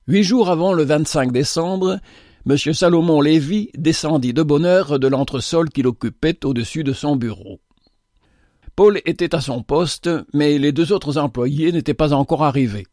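A man reading a novel aloud in a measured, expressive manner. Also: medium pitch, no room sound, studio quality. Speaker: narrator. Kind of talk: scripted narration of a novel.

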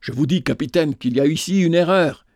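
A man doing a calm, protective old estate master. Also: on the high side, dry recording, clean studio sound, pitched above the performer's own voice, lightly acted. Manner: calm, measured. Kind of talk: storybook reading.

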